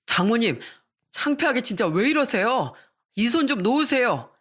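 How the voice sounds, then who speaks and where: A woman's voice: lowish voice, lively intonation, normal speed, fairly bright tone. A woman voicing an angry middle-aged father who answers curtly and defensively.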